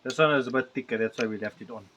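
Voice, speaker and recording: A man's voice: medium pitch, racing, a bit bright. A man who is the guest cook chats casually, mostly answering in short agreeing replies. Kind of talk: casual chat.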